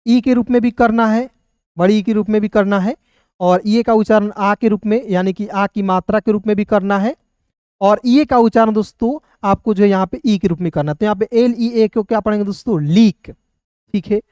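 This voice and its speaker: A man teaches reading in a recorded video lesson as an English teacher, spelling words letter by letter and patiently repeating filler phrases. His high voice is a little mellow, with clean, studio-quality sound and no room tone.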